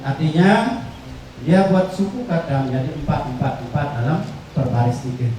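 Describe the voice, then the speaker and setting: A man's voice: on the high side, lively intonation, mellow, slight background noise. Man teaching in an echoey hall. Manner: explains slowly with many fillers and repetitions. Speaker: workshop instructor. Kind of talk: teaching talk on traditional verse. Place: workshop room. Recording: echoey room, far from the mic.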